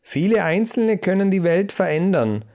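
A man's voice: high voice, sing-song, moderate pace, a little mellow, voice pushed up. A man voicing a sly, scheming male mouse adviser who speaks earnestly. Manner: earnest, muttering.

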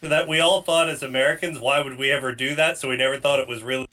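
Bright wisecracking guy, sharp voice, ribbing everyone. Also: mid-range voice, steady tone, quick pace. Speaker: player. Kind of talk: joking banter at a tabletop game.

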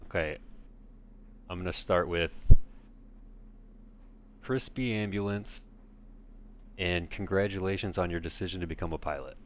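A man's voice: low voice, measured pace, long pauses, a little hiss or hum. A man co-hosting a podcast in casual chat, dry and teasing in a blunt way. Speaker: podcast co-host.

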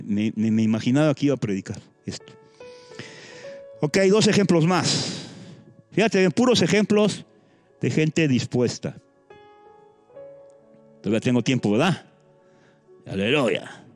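Animated pastor preaching over faint music. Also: male voice. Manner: animated preaching with sudden jumps in pitch; thinks aloud with restarts and asides. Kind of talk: sermon.

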